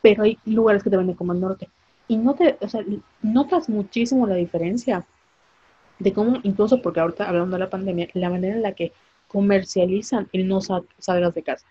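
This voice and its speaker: A woman's voice: medium pitch, fairly quick, breathy edge, lo-fi sound. A young woman, co-hosting a podcast in casual chat, talking in a blunt, impassioned way with casual swearing. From Mérida, Yucatán, Mexico. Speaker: podcast co-host.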